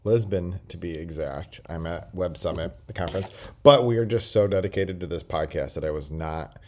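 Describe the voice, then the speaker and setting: A man's voice: low voice, moderate pace, a little mellow, a little hiss or hum. A man hosting a podcast in casual chat, rambling and joking, recorded on a laptop's built-in microphone. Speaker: podcast host. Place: quiet indoor place while traveling.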